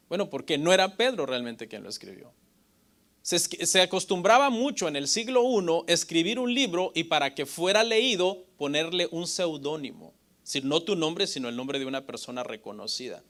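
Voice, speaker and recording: Man, pastor, Bible lecture, bright forceful voice, slightly high pitch, asks and answers his own questions. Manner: asks the audience questions and answers them himself; often adds "hermano" and "ok?".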